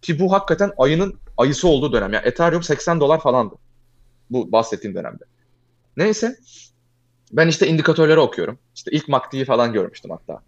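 A young man telling a long personal story in casual chat, fast and animated, often calling the listener "abi". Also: mid-range voice, muffled recording.

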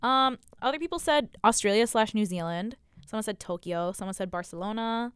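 Clear-voiced young American woman, podcast host. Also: medium pitch, fairly quick, fairly bright tone, dry recording, clean studio sound. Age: young adult. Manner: informal, slangy, peppered with "like". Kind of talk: casual chat.

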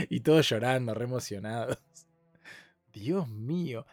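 A man with a Rioplatense accent co-hosting a casual podcast chat, lively and laughing often while acting out quotes. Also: mid-range voice, slow, no echo, faint music behind. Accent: Rioplatense Spanish. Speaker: podcast co-host.

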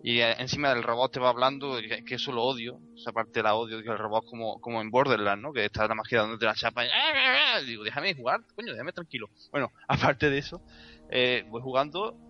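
A man's voice: medium pitch, steady tone, fast, muffled recording, soft background music. A man giving his frank, blunt opinion on a game in casual chat, swearing freely. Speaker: podcast co-host.

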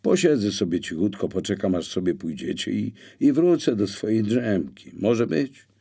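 A man voicing a calm blind young man who answers intruders placidly with a little irony. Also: on the low side, moderate pace, husky. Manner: placid, mildly ironic.

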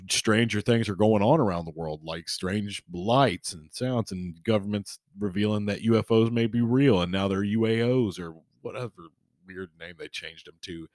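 A man hosting a podcast solo in casual, rambling, chummy talk, swinging between emphatic bursts and quiet trailing-off. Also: fairly low pitch, dry recording, studio quality. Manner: rambling, informal, chummy address to listeners. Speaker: podcast host.

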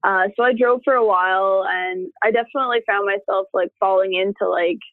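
A woman's voice: medium pitch, steady tone, brisk, dry recording. A woman chatting casually, telling a personal story and acting out what she and others said. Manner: chatty storytelling, acts out her own past words. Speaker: interviewee. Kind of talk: casual conversation. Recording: tinny phone line.

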